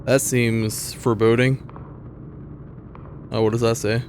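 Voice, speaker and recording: A man's voice: medium pitch, little pitch movement, a little slow, darkish tone, slight background noise. A man commentating a horror game playthrough with wry, joking asides. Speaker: gaming commentator. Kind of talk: let's play commentary.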